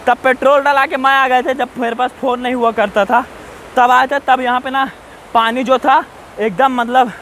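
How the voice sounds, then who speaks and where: Male vlogger, very high voice, casual chatty talk, outdoors by a waterfall, faint water hiss behind. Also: level tone, a bit bright, low-quality recording. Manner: chatty, keeps addressing viewers, repeats safety warnings. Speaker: travel vlogger. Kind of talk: casual walking vlog. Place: outdoors on rocky hillside by a waterfall. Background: faint rushing waterfall.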